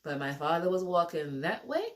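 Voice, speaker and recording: A woman's voice: fairly low pitch, expressive, moderate pace. A woman telling a personal story to camera in a casual, rambling way, repeating and restarting her sentences.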